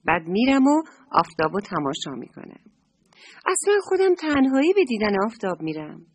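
A woman's voice: medium pitch, big pitch swings, a little hiss or hum, natural voice. A woman voicing a small, curious young creature who asks eager questions in a children's story.

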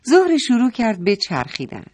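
A woman's voice: fairly high pitch, wildly swooping pitch, darkish tone, breathy edge, no room sound, studio quality. A woman reading a bedtime story to children, affectionate and asking her young listeners questions.

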